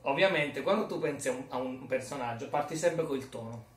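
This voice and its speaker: A man's voice: medium pitch, brisk. A man vlogging in a rambling, jokey, self-mocking casual chat. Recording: roomy echo, mic far off.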